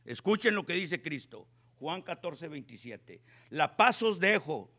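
A male preacher delivers a sermon in slow, emphatic phrases, building to exclamations. His voice sits high and has a gravelly, husky edge. The tone is bright and sharp. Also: big pitch swings.

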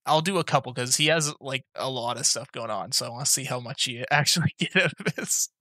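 A woman's voice: extremely low pitch, a little fast, pushed and bright, dry recording, clean studio sound. A woman narrating a tabletop game as game master, chatty and laughing often.

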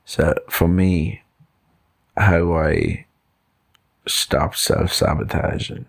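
A man's voice: sits low, fairly even intonation, very slow, gravelly. An Irish man hosting a podcast, telling a fable in a loose, rambling way. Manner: rambling, loose, with fillers and restarts. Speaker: podcast host. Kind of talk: casual storytelling.

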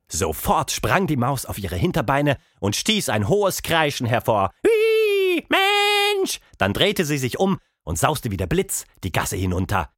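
A man narrating a children's audiobook with expressive storytelling. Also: mid-range voice, no room sound, clean studio sound.

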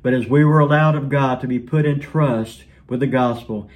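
Earnest preacher man. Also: normal speed. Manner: earnest, dropping to a soft low voice at line ends. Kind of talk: sermon.

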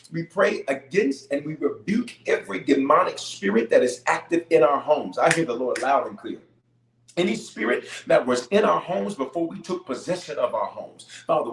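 A man's voice: a little high, creaky. A man, a bishop leading fervent spontaneous prayer, repeating phrases emphatically and rallying his listeners in a preacher's cadence. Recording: echoey, reverberant room sound.

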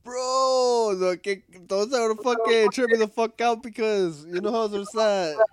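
A man's voice: high-pitched, normal speed. A young man co-hosting a casual chat, swearing constantly and dropping Spanish phrases into his English, laughing often. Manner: profane, slangy, mixing in Spanish phrases. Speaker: podcast co-host.

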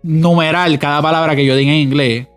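A man's voice: fairly high pitch, steady tone, a little fast, soft background music. Joking man co-hosting. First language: Spanish. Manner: joking, defensive about his English. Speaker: podcast co-host. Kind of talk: casual chat.

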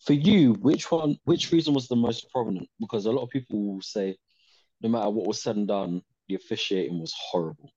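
A man moderating a casual football discussion, asking questions in a measured way. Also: on the low side, mellow, slightly rough. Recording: slightly dull, lo-fi sound.

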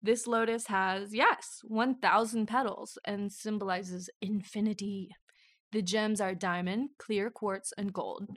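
A woman's voice: mid-range voice, steady tone, slow pace, dry recording, studio quality. Giggly woman co-host reading notes. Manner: giggly, self-mocking, reads lists with asides. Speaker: podcast co-host. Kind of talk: casual chat, reading notes.

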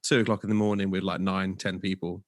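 Male co-host, low voice, dry close sound, casual sweary storyteller. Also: flat delivery, fast, dry recording. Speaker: podcast co-host, tour manager. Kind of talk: casual chat.

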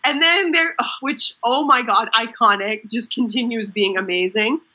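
Woman, casual recap chat, gushing, bright tone, a bit high. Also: poor audio. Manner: gushing, fast retelling with quoted lines. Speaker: show recap co-host.

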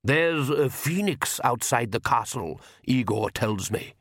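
A man voicing an ancient, courtly male vampire count who speaks slowly and with refined calm. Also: medium pitch, no room sound, studio quality, heavily acted. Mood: wistful. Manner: slow, refined and unhurried.

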